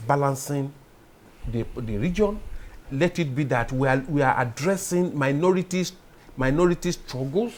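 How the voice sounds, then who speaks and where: A man, a public affairs analyst, speaking as a guest in a TV studio discussion, explaining in a measured way and building to emphatic points. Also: on the high side, a little mellow.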